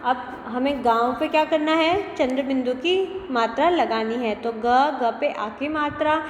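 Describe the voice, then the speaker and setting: A woman's voice: sits high, measured pace, a little hiss or hum. A woman primary school teacher giving a lesson to young children, patiently spelling out syllables one by one and often checking in with "है ना". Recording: echoey room with long reverb.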